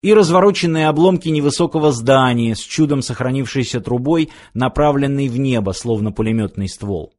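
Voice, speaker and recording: A man narrating an action novel aloud, steady and measured in his reading. His voice sits at a middle pitch for a man, even and unhurried. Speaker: audiobook narrator. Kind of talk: scripted narration.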